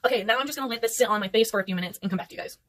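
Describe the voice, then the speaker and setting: This young woman's voice is a little high and a bit bright, and she talks rapid-fire. A beauty vlogger, she rambles casually through a makeup tutorial while teasing herself, filmed indoors at night under artificial light.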